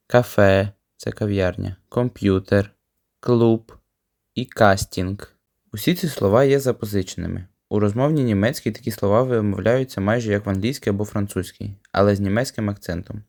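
Gravelly low-voiced male language teacher. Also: no room sound, clean studio sound. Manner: calm, patient explaining. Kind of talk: video language lesson.

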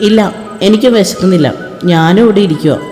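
A man voicing a tearful, loving pregnant young wife in an audio story, with a soft pleading tone. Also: high-pitched, a little fast, lightly acted. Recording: echoey room with long reverb and faint music.

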